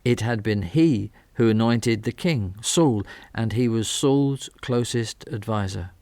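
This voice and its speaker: A man's voice: on the low side, slow, warm tone, dry recording. A man narrating a radio drama as a character, in a reflective, wry storytelling manner.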